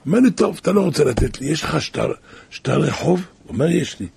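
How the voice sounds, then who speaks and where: A man preaching in a loose, colloquial storytelling way, retelling rabbinic tales and repeating "he says" between quoted lines, now and then breaking into loud exclamations. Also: fairly high pitch, very animated, creaky, breathy edge.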